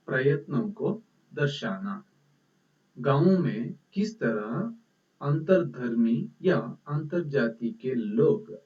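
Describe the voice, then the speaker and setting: Slow-talking man explaining a lesson. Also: mid-range voice, far from the mic, lo-fi sound. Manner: slow explaining, repeats and quizzes himself. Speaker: lecturer. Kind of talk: recorded university lesson.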